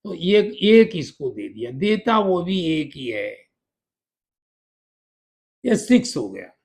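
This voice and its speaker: A man's voice: fairly high pitch, sing-song, slow pace, a little mellow. A man teaching decimal subtraction, explaining step by step with patience and spelling out words letter by letter. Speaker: math teacher. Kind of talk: classroom lesson explanation.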